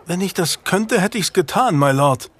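A man's voice: sits high, expressive, normal speed, pitched above the performer's own voice. A man voicing a hungry, ashamed fourteen-year-old noble boy who speaks formally and humbly in a storybook reading. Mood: pleading.

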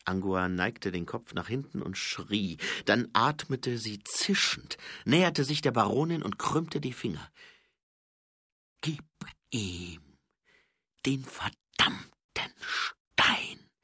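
A man reading fantasy narration in an expressive, varied delivery. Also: fairly low pitch, unhurried, hardly any pauses, slightly rough, no echo, clean studio sound. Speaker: audiobook narrator.

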